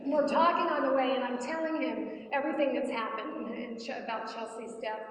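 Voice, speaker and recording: A middle-aged woman with a high voice tells a personal story to a live audience. She swings from hushed quiet to loud, dramatic bursts. She is heard from a distance in a big hall with a long, booming echo. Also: brisk, slight background noise. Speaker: speaker. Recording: echoey hall, picked up from far off.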